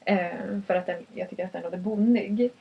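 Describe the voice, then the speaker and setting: A woman's voice: medium pitch, creaky, slightly rough. A young woman from northern Sweden, co-hosting a podcast in a reflective, casual chat, laughing often and restarting her sentences. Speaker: podcast co-host. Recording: muffled, distant from the mic.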